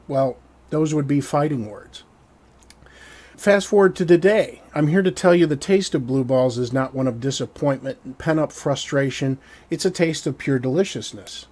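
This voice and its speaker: Male reviewer, 30s, average pitch, measured and dryly humorous, talking to camera from a small home studio. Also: a little mellow. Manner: wry, descriptive, measured delivery. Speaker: product reviewer. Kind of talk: scripted product review to camera. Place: small dark indoor studio.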